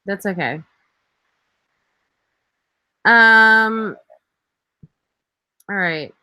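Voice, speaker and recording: A woman's voice: mid-range voice, extremely slow, bright, forceful tone, clean tone, no echo, rough recording. A woman co-hosting in casual chat over a video call, playful and teasing. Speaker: co-host. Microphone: video call mic.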